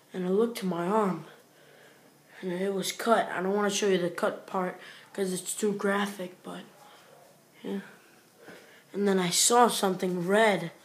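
A woman recording a late-night video diary, talking in frightened whispers and stammering often. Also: mid-range voice. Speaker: vlogger.

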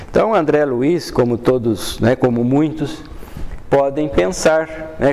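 Older Brazilian man, study-group teacher, mellow tone, calm reading and explaining. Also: medium pitch. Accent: Brazilian Portuguese. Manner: reads passages then explains them in a calm, unhurried way, with frequent "né". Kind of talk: reading aloud and explaining a spiritist book. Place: dim classroom with a projector screen.

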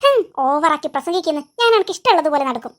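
A woman's voice: very high-pitched, animated, brisk, fairly bright tone. A woman voicing a fussy, grumpy cartoon auntie who mutters complaints under her breath. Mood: grumbling. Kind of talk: cartoon voice acting.

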